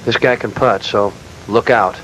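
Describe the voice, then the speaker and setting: A man's voice: on the low side, steady tone, a little slow, a bit bright, slight background noise, poor audio. A man giving conversational colour commentary as a golf commentator on a live broadcast.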